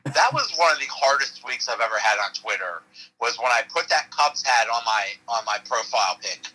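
A man's voice: medium pitch, lively intonation, normal speed, sharp tone, slightly rough, poor audio. A man from Pittsburgh, a guest on a podcast, telling stories in a laid-back, casual way. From Pittsburgh, USA. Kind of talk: casual chat.

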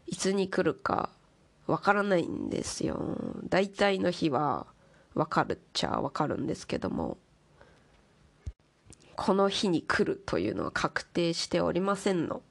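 With a voice on the low side and some vocal fry, a woman host chats casually to listeners on her own. She's playfully putting on an ornate, polite refined-lady way of speaking.

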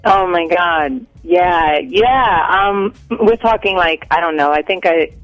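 A woman's voice: lowish voice, slow, dry recording, muffled recording, soft background music. A woman in her forties, a guest calling in, chatting casually and laughing often, gushing with thanks. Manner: giggly, effusive. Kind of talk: casual chat. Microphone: phone line.

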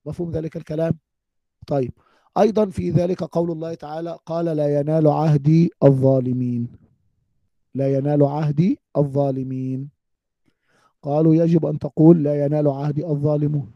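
A man's voice: a little high, fairly even intonation, fairly quick, gravelly, pauses often, no echo, highs cut off. A man teaching an Arabic grammar lesson, speaking emphatically and asking the class rhetorical questions. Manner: emphatic, addresses listeners as "my people", quotes scripture.

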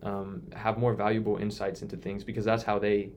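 A man's voice: lowish voice, little pitch movement, a little fast, a little mellow, a little hiss or hum. A young man in his early twenties talking in a casual podcast chat, earnest and reflective, often restarting his sentences. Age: 20s. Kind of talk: casual conversation.

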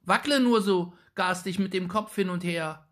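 A man's voice: high voice, normal speed, a bit bright, voice pushed up. A man voicing a bold young boy who scolds an old woman indignantly.

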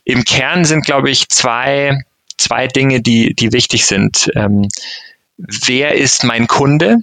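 Male interview guest, gravelly tone, dry close recording, hesitant and reflective, drops English jargon. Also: mid-range voice, slow pace, pushed and bright, no echo. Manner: thoughtful, hesitant with fillers, mixes in English business terms. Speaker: marketing director interviewed as guest. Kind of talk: conversational interview answers.

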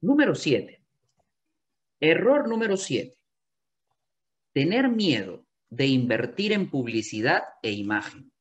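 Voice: medium pitch, big pitch swings, slow pace, long pauses, highs cut off. A real estate sales coach giving an emphatic coaching talk to agents, often repeating key phrases.

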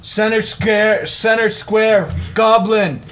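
A man's voice: high-pitched, slow pace, a bit bright, a little hiss or hum, pitched above the performer's own voice. Man playing a blunt, dim warrior in clipped broken speech. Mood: stubborn, proud. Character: blunt, dim-witted but proud male fantasy warrior.

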